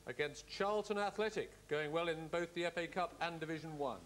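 A middle-aged man hosting a televised cup draw, speaking in a measured, courteous, official way. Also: fairly high pitch, fairly bright tone, a little hiss or hum. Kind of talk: formal live announcement. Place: studio-style hall set with audience.

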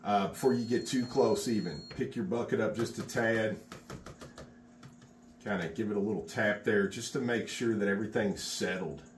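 Talking while he works at a normal speed, a middle-aged contractor gives a casual, encouraging how-to on epoxy in an unfinished garage workshop. His voice is lowish. The phone-camera recording sounds roomy, with a slight hiss or hum.

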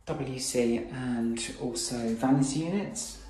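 A British man narrates a property tour in the gushing patter of an estate agent. His voice sits at a middling pitch. The sound is clearly echoey, as in bare, unfurnished rooms. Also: slow, warm tone. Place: inside and outside an empty new-build house.

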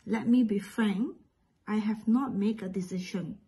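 A woman's voice: mid-range voice, a little slow, mellow, slightly rough, low-quality recording. A woman from Singapore with a Singaporean accent, patiently explaining English phrases and pronunciation step by step as a teacher.

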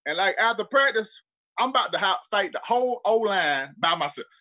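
A man's voice: sits high, fairly quick. A man from Birmingham, Alabama with a Southern accent, a former football player telling loose, profane stories as a guest on a sports talk show. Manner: animated, profane, loose storytelling with lots of "like".

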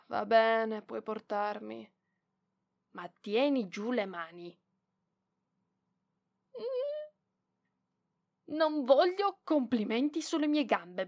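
A woman with a high-pitched voice performs one side of an ASMR roleplay, fully in character as a proud, flustered young librarian who is prickly but softening. She sounds embarrassed and prickly, speaking hesitantly and indignantly, halting with sighs.

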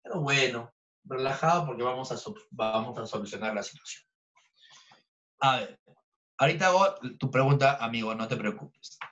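A man's voice: lively intonation, normal speed, fairly bright tone. A man tutoring a chemistry review class online, joking and teasing his students as he goes. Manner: playful, teasing, jokey with students. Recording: dull low-fidelity audio.

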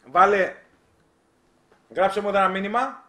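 A man's voice: high-pitched, sharp tone, echoey room. A man hosting a casual live stream, teasing viewers and reading their chat aloud during a giveaway.

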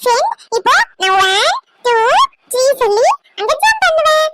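A voice actor playing a lively, chatty little boy in a cartoon, eager and pleading as he talks. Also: moderate pace, no room sound, full character voice. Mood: playful. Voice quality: very high, squeaky child voice. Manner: sing-song counting, eager and pleading. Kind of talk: cartoon voice acting. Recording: loud background noise.

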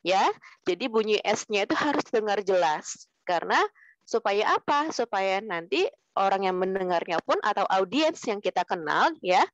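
A woman teaching children how to read poetry aloud, speaking gently and slowing down to demonstrate clear pronunciation. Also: medium pitch, animated, no room sound. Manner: gentle, calls pupils "sayang" and "Nak", slows to demonstrate. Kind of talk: poetry reading lesson for children. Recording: dry, muffled lo-fi recording.

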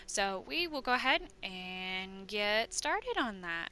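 A woman's voice: mid-range voice, big pitch swings, slow, pushed and bright. A woman hosting a casual let's play, thinking aloud as she commentates. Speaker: host of a gaming channel.

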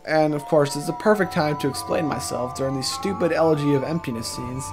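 A man with a fairly high voice talks fairly quickly in casual let's-play commentary, joking his way through a walkthrough. He drifts into self-deprecating asides while game music plays.

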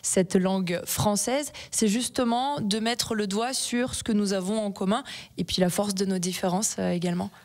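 A woman's voice: medium pitch, moderate pace, darkish tone. A young woman hosting a radio interview in a studio, asking fluent, engaged questions. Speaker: radio host. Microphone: studio mic with headphones.

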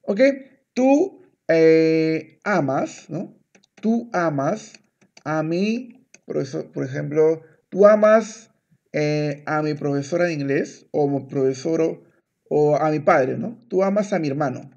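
Male tutor, slow and patient, repeats words, mixes in English; slightly high voice, muffled lo-fi sound. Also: lively intonation, vocal fry, darkish tone. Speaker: Spanish teacher. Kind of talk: one-on-one language lesson.

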